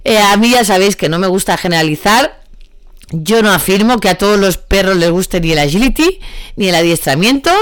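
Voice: medium pitch, lively intonation, fairly quick, a bit bright, clear, resonant tone, dry recording, clean studio sound. A dog trainer with a Spain Spanish accent giving casual spoken advice to a student, chatty and thinking aloud, often correcting itself.

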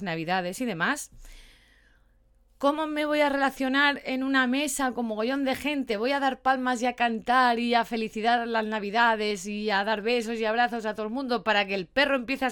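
A woman's voice: a little high, smooth. Chatty woman host, dog trainer explaining things casually. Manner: chatty, animated, calls herself talkative. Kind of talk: casual podcast talk.

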